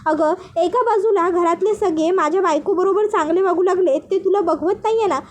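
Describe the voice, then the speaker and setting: A woman's voice: very high-pitched, a little fast, a little hiss or hum. A woman reading an anxious, hot-tempered young husband. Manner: pressing questions, plain reading voice.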